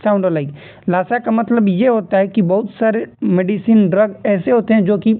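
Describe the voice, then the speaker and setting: A man going through nursing exam questions as a tutor, repeating key terms and telling students to remember them. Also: high-pitched. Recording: tinny phone-like audio.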